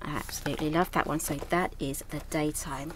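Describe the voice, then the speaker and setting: A woman's voice: low voice, steady tone, a little fast, slight background noise. A woman from southern England, born in Yorkshire, casually showing off her new craft designs in a chatty, enthusiastic, rambling way. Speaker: craft designer presenting a product launch. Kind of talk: casual product showcase.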